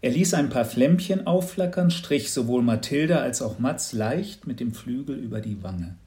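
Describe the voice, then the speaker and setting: Male narrator for a kids' Christmas storybook, playful and animated. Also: medium pitch, moderate pace. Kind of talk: reading a children's story aloud.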